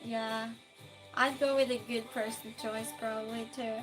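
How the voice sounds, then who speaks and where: Over music on a rough recording, a Norwegian woman with a matching accent chats on her stream, a native speaker from Norway. Unhurried and level in tone with a fairly high voice, she reads chat messages aloud and asks would-you-rather questions.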